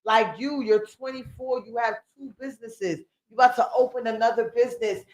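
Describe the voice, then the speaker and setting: Brief: forties woman host, high voice, loud laughing casual interviewer. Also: a little fast, poor audio. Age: 40s. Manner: loud, laughing, slangy and animated. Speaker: podcast host.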